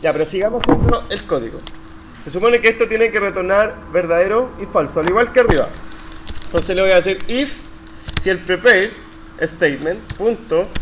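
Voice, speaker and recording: A man teaching a live university coding class, questioning students and praising their answers. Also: sits high. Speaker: university lecturer. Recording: noisy classroom recording.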